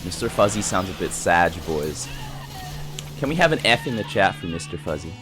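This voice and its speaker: A man with a stuffy nose giving casual, rambling gameplay commentary, chatting with his viewers and breaking into surprised excitement. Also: deep voice, normal speed. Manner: laid-back, rambling, chatty with viewers as "boys". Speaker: gaming YouTuber. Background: game music and sound effects.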